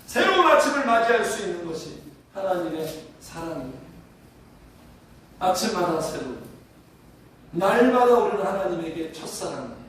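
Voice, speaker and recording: A man's voice: high voice, very animated, normal speed, long pauses, fairly bright tone, slight background noise. A man preaching a sermon as pastor, leading his congregation in reading aloud together and asking them questions. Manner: leads congregation in call-and-response reading. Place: church sanctuary. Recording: echoey church hall from far off.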